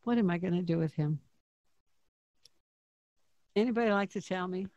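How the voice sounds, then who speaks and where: A woman's voice: fairly low pitch, moderate pace, a little mellow, no room sound, lo-fi sound. A woman co-hosts a loose, casual podcast chat. She is blunt and jokey and swears without a second thought. Her voice sounds dry and close, with no room around it. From Phoenix area, Arizona. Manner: joking, blunt, swears freely. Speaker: podcast co-host.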